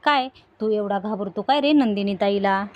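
A woman's voice: medium pitch, moderate pace, a little mellow, no echo, muffled recording, close to an everyday voice. Woman reading as a bitter, jealous young woman. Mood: bitter taunting. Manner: bitter, taunting retelling.

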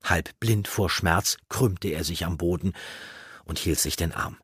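Male audiobook narrator, deep voice, very husky, dry close sound. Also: measured pace, a bit bright, no echo.

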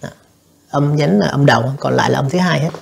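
A man's voice: fairly high pitch, fast, gravelly, slightly rough. A man teaching an exam review lesson, explaining answers step by step and often addressing his students directly. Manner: explanatory, addresses students repeatedly, frequent fillers. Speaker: English teacher.

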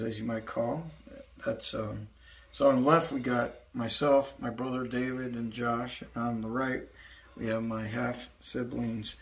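A sixty-something male artist leads a casual walk-through of his indoor studio, telling meandering, filler-heavy stories. His voice is creaky and of medium pitch. Audio is echoey, with the mic set at a distance and a faint hiss underneath.

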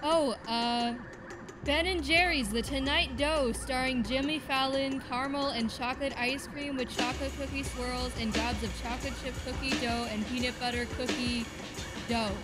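A woman's voice: sits high, steady tone, normal speed, music in the background, natural voice. A woman playing a brash, sarcastic young detective in a comedic short film. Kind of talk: comedic student film acting.

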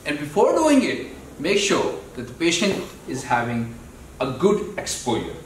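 A man with a Pakistani accent instructs in a measured, step-by-step way, like a doctor giving a practical demonstration. His voice sits slightly high. He is recorded at a distance from the mic in a heavily echoing room with some noise. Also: wildly swooping pitch. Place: medium-sized indoor meeting room.

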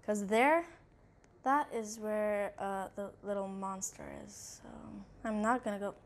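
Her voice is medium-pitched and steady, a little slow, with a slight hiss or hum in the background. She runs her own gaming channel and, playing a horror game, nervously narrates what she sees, repeatedly admitting how frightened she is as she thinks aloud for her let's-play.

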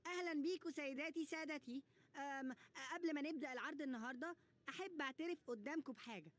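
A woman's voice: sits high, racing, close to an everyday voice. A woman voicing an eager, boastful yet sensitive boy comedian in an Egyptian Arabic cartoon dub, speaking earnestly. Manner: excitable, earnest. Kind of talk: animated cartoon dub acting. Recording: music behind the voice.

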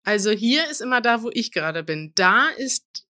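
A woman's voice: on the high side, big pitch swings, moderate pace, pushed and bright. A woman from Germany, hosting a casual chat and asking questions with example words. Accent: standard German German. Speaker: host. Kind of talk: casual interview.

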